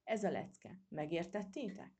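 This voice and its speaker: A woman's voice: on the low side, expressive, gravelly, mellow, slightly rough, heavily acted. A woman voicing a male squirrel schoolteacher who lectures his young pupils in an instructive tone. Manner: instructive, addressing children. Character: strict but kind male squirrel schoolteacher.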